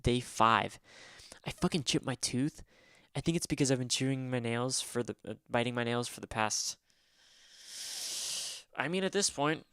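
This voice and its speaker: A man's voice: medium pitch, a bit bright, clear, resonant tone, dry recording. A young man talks casually into a close mic, his mid-range voice dry with no room sound. He rambles and swears often, laughing at himself as he goes. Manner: rambling, swears a lot, self-deprecating. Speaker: livestreamer.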